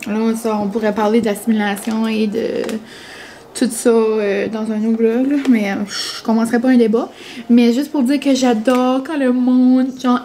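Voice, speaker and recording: A woman's voice: on the high side, warm tone, a little hiss or hum. Chatty woman vlogger. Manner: chatty, heavy fillers, mixes in English words. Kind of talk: casual chat.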